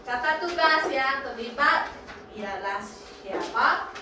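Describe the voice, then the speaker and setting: A young woman with a high voice plays a playful, cheeky pupil reciting lesson points. She is picked up from a distance in a very echoey classroom, with noise in the background. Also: animated, slow. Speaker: student in a role-played class. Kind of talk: micro-teaching role-play.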